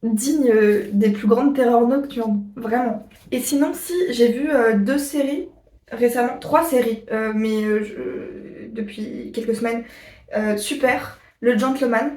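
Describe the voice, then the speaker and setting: A woman vlogger chatting casually to her viewers, rambling and pausing often on fillers. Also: fairly high pitch, a little mellow, far from the mic. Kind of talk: casual chat to camera. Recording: echoey room, voice a bit off-mic.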